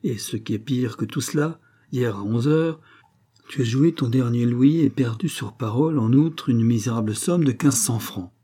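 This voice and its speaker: A man reading the part of a worldly, commanding society woman in an audiobook, talking briskly and knowingly. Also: medium pitch, mellow, breathy edge, natural voice.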